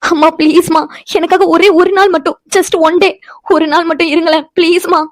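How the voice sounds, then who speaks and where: A woman's voice: very high-pitched, little pitch movement, normal speed, no echo. A woman voicing an earnest young woman in a cartoon who begs and pleads. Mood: pleading. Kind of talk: cartoon voice acting.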